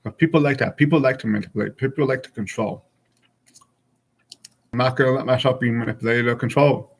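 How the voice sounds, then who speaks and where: A man's voice: medium pitch, fast talker, creaky, breathy edge. A man of forty chatting casually and frankly with his stream viewers, rambling from thought to thought. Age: 40s.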